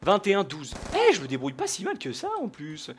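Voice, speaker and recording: A man giving live, jokey gameplay commentary, shouting out his kills. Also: sits high, wildly swooping pitch, brisk, slight background noise. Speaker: gaming video host.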